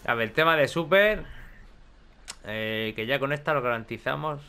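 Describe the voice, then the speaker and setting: Excitable man commenting gameplay. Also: medium pitch, normal speed, smooth. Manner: excitable, chatty, swears casually. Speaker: gaming video host.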